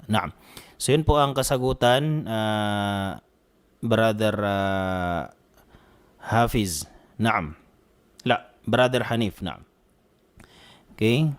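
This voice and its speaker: A man teaching an online Arabic grammar class with steady patience. He repeats each rule more than once and keeps checking that the students follow. He slows down carefully whenever he reads out an example phrase. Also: mid-range voice. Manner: patient, repeats points, frequent "naam" and "okay" checks. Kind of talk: online language lesson.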